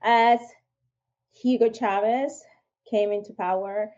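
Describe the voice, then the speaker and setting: A Venezuelan woman with a Venezuelan Spanish accent, a firearms instructor appearing as a podcast guest, earnestly tells her personal story and often restarts her sentences. Her medium-pitched voice is a little mellow, fairly even in intonation, and slow. The lo-fi recording sounds dull.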